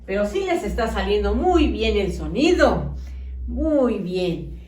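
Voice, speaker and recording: A woman teaching children a phonics lesson, sounding out syllables slowly and clearly. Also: mid-range voice, sing-song, darkish tone, distant mic. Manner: slow, exaggerated sounding-out of syllables. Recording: echoey room, voice off-mic.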